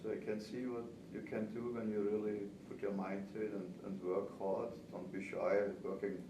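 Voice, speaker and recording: Heard from a distance in a roomy, noisy recording, a seventy-something Austrian-accented man, a native German speaker, answers interview questions conversationally. He is a longtime pastry chef and cake instructor. His lowish voice moves little in pitch and keeps a normal speed.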